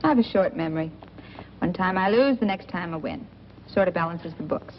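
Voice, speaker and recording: An actress performs 1940s film noir as a wisecracking, flirty small-town woman who is worldly, teasing, restless and itching to leave, her tone flirtatious and probing. Her lowish voice is expressive, fairly quick and close to everyday speech. The film sound is muffled with some noise.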